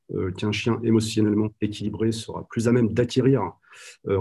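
A man's voice: medium pitch, warm tone, breathy edge. A man giving an online conference talk over a video call, hesitant and full of fillers. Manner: hesitant, many "euh" fillers. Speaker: guide dog trainer presenting at a conference.

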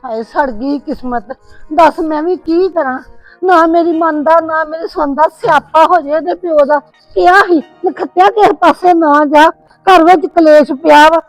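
A woman's voice: extremely high pitch, normal speed, no room sound, soft background music, rough recording. A woman with a Punjabi accent playing a worried mother who pleads with her son and wails over her family's fate. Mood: lamenting. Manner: pleading, wailing, scolding. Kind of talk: village drama acting.

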